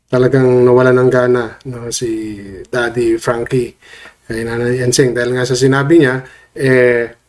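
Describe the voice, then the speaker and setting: A man vlogging casual commentary while he has a cold that changes his voice, often checking in with his viewers mid-sentence. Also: mid-range voice. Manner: chatty, tags lines with questions to viewers. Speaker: vlogger commenting on online drama.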